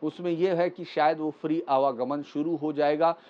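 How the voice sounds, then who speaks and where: A man delivering political news commentary in a measured, explanatory way, with frequent pauses and fillers. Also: fairly high pitch, fairly even intonation. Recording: slightly dull lo-fi recording.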